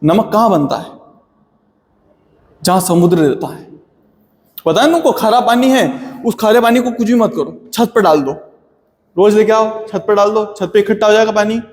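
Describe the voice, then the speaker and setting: A man's voice: high-pitched, normal speed, pauses often, long reverb tail. A man teaching a history lesson in a chatty, friendly way, calling his students "beta". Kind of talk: classroom history lecture.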